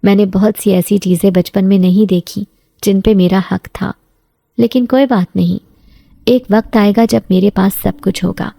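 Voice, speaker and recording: A woman voicing a sickly, orphaned young male servant who tells his story in a quiet, resigned tone. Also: mid-range voice, fairly even intonation, vocal fry, no echo. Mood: wistful.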